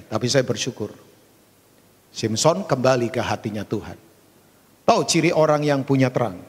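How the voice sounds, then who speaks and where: A male pastor preaching a sermon, animated and acting out stories with big jumps in pitch. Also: slightly rough. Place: church hall. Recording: long hall reverb.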